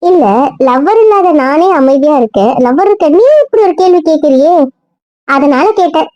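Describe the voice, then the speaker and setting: Brief: a woman as a nosy friend, very high and mellow-toned, in a dry, slightly dull recording. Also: lively intonation, moderate pace, no room sound. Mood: teasing. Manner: prying questions. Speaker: friend and colleague.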